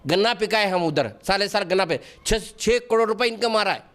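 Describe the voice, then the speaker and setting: A man's voice: high-pitched, fairly quick, a bit bright. A middle-aged man, answering interview questions earnestly and defensively, often restarting his sentences. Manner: defensive and pleading. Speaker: wakf board member being interviewed.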